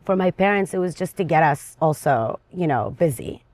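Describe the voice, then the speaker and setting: A woman from Lebanon, an interview guest, talking in a lively, chatty and restless way. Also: deep voice, normal speed. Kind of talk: casual interview conversation.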